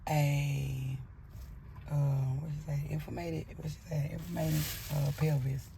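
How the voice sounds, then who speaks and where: A woman's voice: low voice, level tone, takes it slowly, vocal fry, mellow, slight background noise. A woman telling a personal story in a blunt, profane way, acting out her own angry outbursts as she goes.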